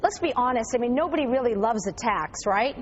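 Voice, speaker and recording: Boston-accent lady moderating a tv debate, brisk, kinda high voice, dull lo-fi sound. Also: lively intonation, slight background noise. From Boston area. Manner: brisk, prodding questions.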